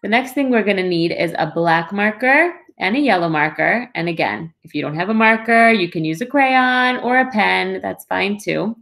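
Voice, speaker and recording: A woman's voice: medium pitch, lively intonation, moderate pace, gravelly, few pauses, fairly bright tone. A woman presenting a craft to young children step by step, explaining simply and reassuringly.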